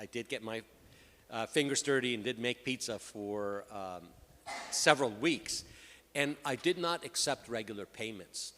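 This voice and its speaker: Over the PA in a big, echoing conference hall, a Lebanese payments executive in middle age tells his own story on a panel. He has a medium-pitched, bright voice and a forceful tone.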